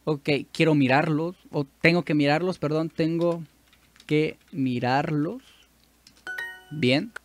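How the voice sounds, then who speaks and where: Unhurried Mexican man thinking aloud. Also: a little high, no echo. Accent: Mexican Spanish. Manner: chatty, self-correcting, thinks aloud. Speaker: YouTuber doing language practice. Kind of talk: casual commentary while playing a language app.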